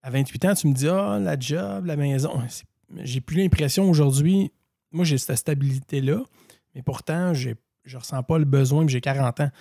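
A man in his forties speaks with a Québécois accent, asking probing questions on a panel and halting over repeated words. His voice is warm and dark, and the sound is dry and close. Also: on the high side, creaky, no room sound. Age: 40s. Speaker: panel guest. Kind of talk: casual talk-show chat.

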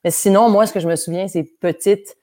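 A woman's voice: mid-range voice, steady tone, a little fast, a little mellow. A young woman with a Québécois French accent that carries some traces of France, talking casually as an interview guest, chatty and self-deprecating, with many fillers and restarts. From grew up between France and Quebec.

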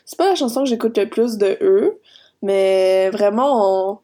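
A woman's voice: mid-range voice, unhurried, mellow. A young woman with a Quebec French accent, co-hosting a casual podcast chat full of slang and laughter. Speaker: podcast co-host.

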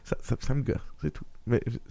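A man's voice: brisk, no echo. A man with a Québécois accent hosting a casual movie podcast, chatty and full of restarts. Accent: Québécois French. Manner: lively, chatty, restarts a lot. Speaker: podcast host.

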